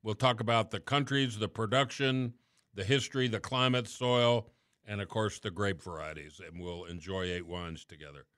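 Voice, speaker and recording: Chatty radio host, bright dry voice. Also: male voice, lowish voice, normal speed, no echo. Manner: chatty, relaxed, trailing off at phrase ends. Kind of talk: casual radio talk and interview.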